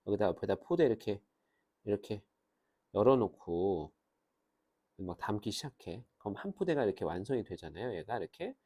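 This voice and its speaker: A man teaching English grammar in a lively lecture, pausing to say English phrases slowly and clearly. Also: lowish voice. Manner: animated, switches between Korean and slow, drawn-out English phrases.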